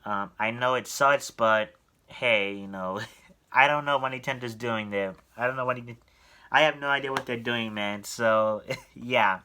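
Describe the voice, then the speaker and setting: A young man talks straight to his viewers in a relaxed vlog. His voice is bright and forward, and he rambles earnestly through his advice, stopping often for ums and self-corrections. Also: mid-range voice, measured pace, smooth. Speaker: YouTuber giving collector advice. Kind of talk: casual talking-head vlog.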